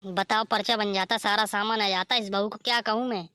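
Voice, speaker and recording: A woman's voice: mid-range voice, fairly even intonation, fairly quick, bright, forceful tone, clear, resonant tone, no room sound, close to an everyday voice. A woman voicing a scolding, complaining older mother-in-law in a cartoon story.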